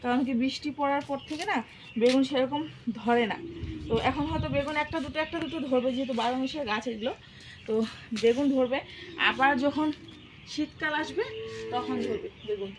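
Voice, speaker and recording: A young woman talks fast and chattily to her viewers as she works in her garden and kitchen. Her voice sits fairly high, and she explains each step as she goes. It is recorded on a phone with a faint household hum behind her. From Assam, India. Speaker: vlogger and homemaker. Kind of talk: casual home and cooking vlog.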